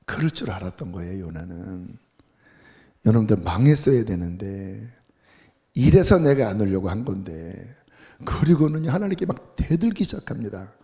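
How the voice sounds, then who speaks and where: Male pastor, storytelling sermon, gravelly warm voice, long church echo. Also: lowish voice, normal speed. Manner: lively storytelling with colloquial asides.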